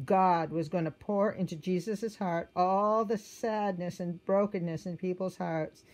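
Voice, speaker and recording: This storyteller is a woman with a soft, lowish voice, reading a children's book gently and with expression, a little slowly and in a steady tone. Now and then she breaks off to describe what the picture shows.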